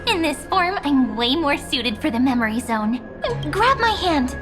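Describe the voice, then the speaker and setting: A woman's voice: sits high, sing-song, unhurried, over music. A woman voicing a cute, playful memory sprite in a video game, with a tender, teasing and theatrical delivery. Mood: teasing, reassuring. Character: cute, playful female memo sprite companion, gentle and teasing. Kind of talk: scripted game character acting.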